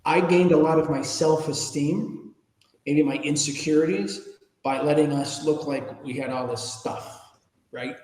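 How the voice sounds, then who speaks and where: A Chicago man in his fifties or older, an ethics trainer and speaker, appears as a podcast guest and candidly tells his own story in an interview. His delivery is informal, halting, and emphatic, his voice a little high and a little mellow. The sound is roomy, echoing around a reverberant room.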